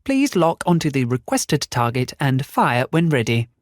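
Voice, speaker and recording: Audiobook: a flat computer lady's voice, as a man puts her on, raised pitch, dry. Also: moderate pace, no room sound, close to an everyday voice. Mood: announcing. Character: computerized female system voice. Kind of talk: audiobook character voice.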